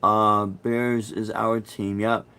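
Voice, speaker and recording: Slow, level and fairly low-pitched, the voice of a middle-aged Chicago man comes through cleanly with a sharp edge. He's a musician hosting a live stream, rambling and hesitating as he responds to viewers' comments, frequently restarting.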